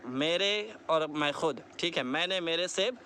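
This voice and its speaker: A man with a high, bright voice teaches English grammar, stretching each example sentence out slowly and stopping to ask if the class is following. Faint traffic noise sits in the background. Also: expressive. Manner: asks listeners if they follow. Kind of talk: explaining lesson in Hindi.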